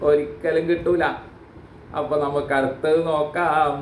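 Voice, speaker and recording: A man's voice: a little high, flat delivery, normal speed, reverberant, slight background noise, poor audio. A man hosting a reaction video, joking and teasing in mock outrage. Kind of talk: casual comic commentary.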